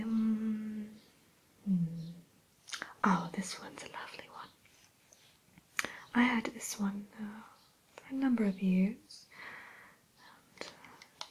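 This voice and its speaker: A woman's voice: medium pitch, a little mellow, low-quality recording. Woman playing a whispering, haughty Evil Queen. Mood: genteel, musing. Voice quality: breathy whisper. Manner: genteel, aloof, unhurried, hesitant pauses. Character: haughty evil fairy-tale queen turned mirror shopkeeper. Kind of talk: whispered ASMR roleplay.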